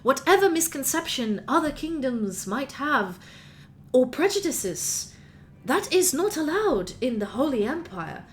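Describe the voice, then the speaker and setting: A woman voicing a calm, formal female archbishop with a French accent. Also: high-pitched, slight background noise, voice pushed up. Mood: soothing. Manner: soothing, formal, measured.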